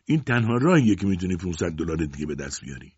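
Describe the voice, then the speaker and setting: A man voicing a stingy, domineering farmer father who talks loud and mocking in an audiobook. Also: low-pitched, very animated, husky, dry recording, highs cut off, full character voice. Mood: scornful.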